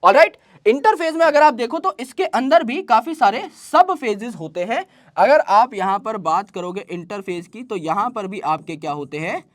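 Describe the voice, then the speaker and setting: A male teacher gives an online biology lesson in Hindi sprinkled with English terms, asking questions and answering them himself. He slows down to dictate definitions and uses folksy everyday comparisons. His voice is high and expressive.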